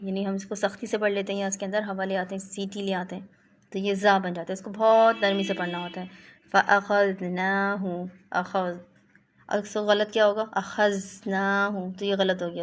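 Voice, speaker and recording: A young woman teaching Quran recitation, demonstrating each letter sound slowly and then explaining it, with a few English phrases mixed in. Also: medium pitch. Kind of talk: online lesson on letter pronunciation.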